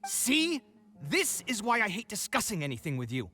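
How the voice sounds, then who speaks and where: A proud, hot-tempered young architect from a fantasy video game, always indignant and ready to argue. His voice sits a little high and leaps around with lively swings. He fires back at every remark. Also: faint music behind, heavily acted. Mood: irritated. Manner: indignant and quick to bicker.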